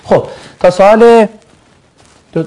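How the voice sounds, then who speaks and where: This man from Mashhad answers viewers' questions as a religious teacher in a relaxed live chat. His voice sits a little high, with a soft, dark tone. He talks with animated, sarcastic swings in pitch. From Mashhad, Iran.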